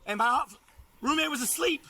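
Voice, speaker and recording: Agitated man in a heated police arrest, high voice, loud static-filled bodycam audio. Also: a little fast. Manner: agitated, yelling and cursing. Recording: bodycam clip with loud noise.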